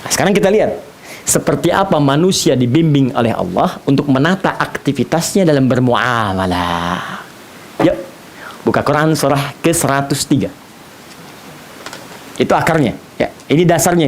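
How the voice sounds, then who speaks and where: A man preaching an animated sermon lecture, using playful asides for the audience. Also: on the high side, a little fast. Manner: animated, playful imitations of foreign speakers. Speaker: Islamic preacher. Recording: faint hiss.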